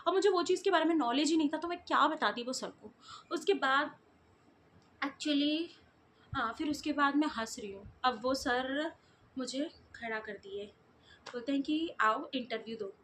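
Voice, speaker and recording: High-voiced, giggly young woman vlogger. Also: moderate pace, fairly bright tone, slight background noise. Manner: chatty, giggly storyteller. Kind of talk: casual storytelling to viewers.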